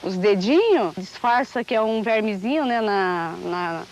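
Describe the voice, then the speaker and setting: A woman's voice: mid-range voice, animated, measured pace, darkish tone, a little hiss or hum. A Brazilian woman, a field expert, explaining things informally in an interview.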